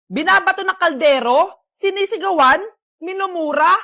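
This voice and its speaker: A woman acting several characters in short comic skits, animated and quick to switch roles. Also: extremely high pitch. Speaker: comedy skit performer playing several roles.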